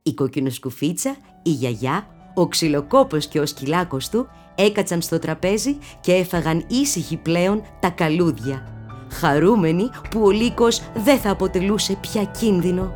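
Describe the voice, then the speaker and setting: A woman narrating a children's storybook in an expressive, animated storytelling manner. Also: fairly low pitch, faint music behind.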